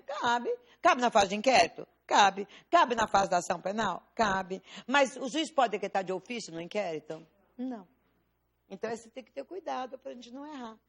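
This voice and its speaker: A woman with a Brazilian Portuguese accent teaches a law class in a classroom. Her voice sits slightly high, and she keeps quizzing her students with rhetorical questions, stressing the words they must remember. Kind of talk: classroom lecture.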